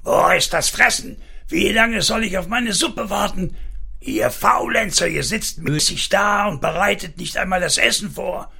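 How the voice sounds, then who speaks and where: A man voicing Uri, a bitter, angry, worn-out laborer who growls and shouts with scorn. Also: a little high, very animated, slow pace, creaky, breathy edge, pitched above the performer's own voice, heavily acted. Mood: raging.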